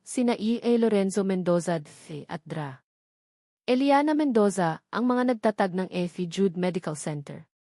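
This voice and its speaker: A woman with a Filipino accent reads scripted narration for a romance story in a medium-pitched, darkish voice. The clean studio recording has no room sound.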